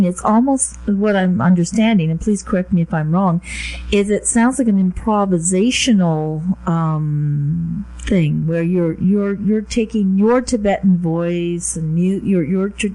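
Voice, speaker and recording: A woman's voice: lowish voice, mellow, rough recording. A woman hosting a conversational radio interview in an effusive, encouraging way. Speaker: radio host.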